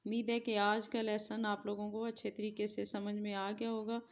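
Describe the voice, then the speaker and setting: Woman chanting flat reading drills. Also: medium pitch. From Pakistan. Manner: slow sing-song drilling of letter sounds. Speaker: Quran reading teacher. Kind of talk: recited reading lesson.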